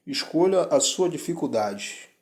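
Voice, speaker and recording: A man's voice: fairly high pitch, expressive, unhurried, voice pushed up. A man voicing a formal system screen that announces the rules of a trial.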